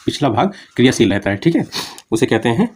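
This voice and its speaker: In this exam-prep grammar lecture, a man with a mid-range, darkish, slightly rough voice and big pitch swings speaks quickly, peppering his talk with "ठीक है" and "दोस्तों". He defines Hindi grammar terms plainly, repeats examples, and keeps checking in with students.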